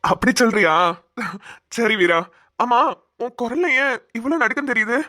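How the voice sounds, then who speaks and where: A woman voicing a gentle injured village husband. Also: fairly high pitch, expressive, moderate pace. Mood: tender. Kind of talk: Tamil cartoon voice acting.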